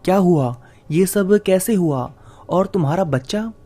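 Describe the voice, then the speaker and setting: A man's voice: high-pitched, expressive, unhurried, warm tone, pitched above the performer's own voice. An anxious young wife, read by a male narrator. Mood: alarmed. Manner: urgent, worried questioning. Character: young housewife, anxious and questioning.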